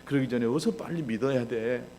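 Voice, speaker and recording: A male pastor voicing an insistent young boy who keeps pleading with his father, in a gravelly voice. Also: medium pitch, fairly quick, mellow, a little hiss or hum, close to an everyday voice.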